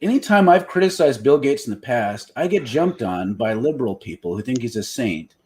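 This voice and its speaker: Animated man, blunt podcast co-host. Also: medium pitch, moderate pace, a little hiss or hum. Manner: animated and blunt, with occasional swearing. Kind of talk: casual discussion.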